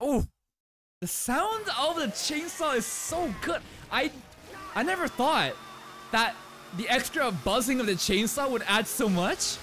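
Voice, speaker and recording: A young man hosting an anime reaction video, talking casually with slang and swinging between loud outbursts and low muttered asides into a studio mic. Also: expressive, measured pace, a little hiss or hum. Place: small bright indoor room. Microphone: large studio mic on a boom arm.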